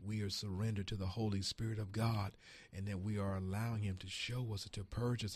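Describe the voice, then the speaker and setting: A pastor preaching a radio sermon, telling a personal story in an animated way with frequent laughs. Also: male voice, low-pitched, breathy edge.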